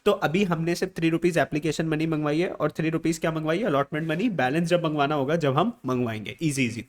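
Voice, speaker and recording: A man's voice: on the high side, fast. A man teaching an accounts lesson, asking questions and answering them himself, repeating key words, with an Indian English accent on the English terms. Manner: addresses students as beta and sir. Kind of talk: classroom lesson, whiteboard explanation.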